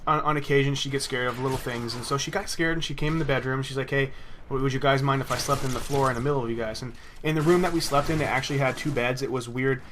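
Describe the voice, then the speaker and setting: A young male commentator talks quickly over his game, telling a personal story with plenty of swearing and frequent restarts. His medium-pitched voice is steady and fairly bright, with a little hiss or hum underneath.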